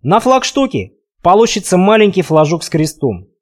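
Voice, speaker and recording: A man narrating a first-person adventure audiobook in an expressive, conversational way. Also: high voice, normal speed.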